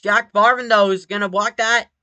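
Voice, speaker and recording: Bright, clear motorsport commentator voice. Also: mid-range voice, moderate pace, dry recording. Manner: excitable motorsport commentator delivery, breaking into shouts at big moments. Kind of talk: live race commentary.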